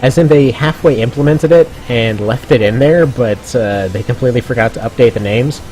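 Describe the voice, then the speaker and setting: A man's voice: mid-range voice, fairly quick, darkish tone, soft background music. A man giving chatty, casual commentary on a game stream, laughing often.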